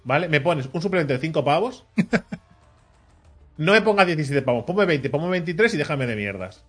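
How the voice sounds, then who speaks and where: Chatty man, slightly high voice. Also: moderate pace, slightly rough, faint music behind. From Catalonia, Spain. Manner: animated anecdote-teller, acts out dialogue, laughs often, many filler "¿vale?". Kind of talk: casual chat, storytelling.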